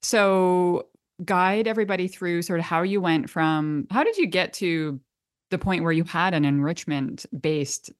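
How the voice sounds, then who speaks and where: Enthusiastic podcast host woman, lower voice. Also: measured pace. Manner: enthusiastic and chatty, with fillers and restarts. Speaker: podcast host and dog trainer. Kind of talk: podcast interview.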